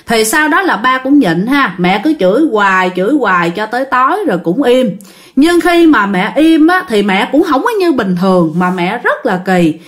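A woman telling a ghost story casually, chatty and repetitive, speaking straight to her listeners. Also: mid-range voice.

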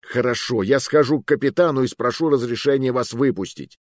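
Man playing a gruff sailor guard. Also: mid-range voice, a little fast, no room sound, clean studio sound, pitched above the performer's own voice, natural voice. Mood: warning. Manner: gruff, ordering people about.

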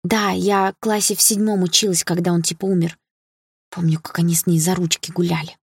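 A woman voicing a teenage schoolgirl, a bully's sidekick, talking in an excited, insistent way. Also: lowish voice, a little fast, creaky, husky.

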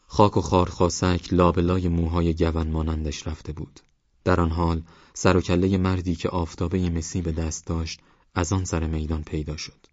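A man narrating an audiobook in a calm, measured, even reading voice. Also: low voice, no room sound, highs cut off.

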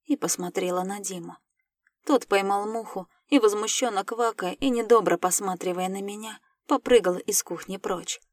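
A woman narrating a first-person fantasy story in a lively, playful audiobook reading. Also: mid-range voice, normal speed, no echo, clean studio sound.

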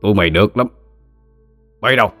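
A man's voice: lowish voice, a little fast, pushed and bright, dry recording, faint music behind. A man voicing a hot-tempered old landlord who barks contemptuous orders. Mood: furious.

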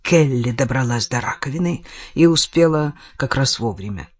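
A woman's voice: very deep voice, expressive, normal speed, a little mellow, no room sound. A woman narrating a detective novel as an audiobook reader, voicing the characters in the dialogue. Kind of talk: audiobook reading.

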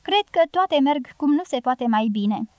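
A calm, good-humoured foreign fighter who muses quietly, voiced by a woman. The voice stays high. The recording is dry and close. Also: no echo, highs cut off.

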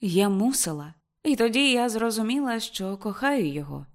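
A tremulous young woman in love pours out her feelings in a raised, pleading voice, as a woman reads her part in an audiobook. Her speech comes high, excited and shaky. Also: normal speed.

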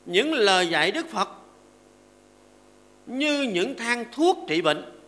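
An older monk preaches in a high voice with a bright, forceful edge. He teaches through homely stories and short verses, and he keeps stopping to ask his seated listeners to agree. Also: sing-song, slow pace. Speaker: Buddhist monk giving a dharma talk. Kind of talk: sermon to a seated audience.

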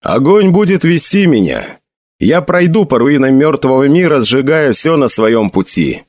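A young hero in a spoken storybook, grief-stricken and sworn to vengeance, as a male narrator puts him on. His lines rise high and loud, pleading one moment and vowing fire the next. The recording is close and dry. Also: big pitch swings, a little slow, no echo. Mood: vengeful vow. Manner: pleading then vengeful shouting, raised voice. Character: young man mourning his friend, vowing fiery revenge.

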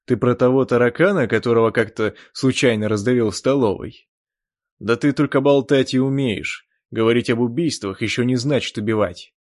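A man voicing a scornful man who goads a comrade with mocking, drawn-out taunts, as an audiobook character voice. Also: on the low side, a little mellow, no echo, clean studio sound.

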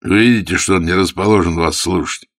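A man voicing a calm, composed mercenary captain who speaks in an unhurried way. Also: deep voice. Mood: firm.

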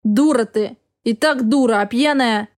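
A woman reading the lines of a harsh, domineering husband who barks orders in a gruff manner. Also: very high-pitched, unhurried.

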